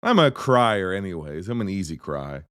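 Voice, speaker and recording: Deep-voiced man rambling about movies. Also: normal speed, clean tone, dry recording, studio quality. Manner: rambling, self-interrupting, animated storytelling. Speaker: podcast host. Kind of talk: casual movie chat.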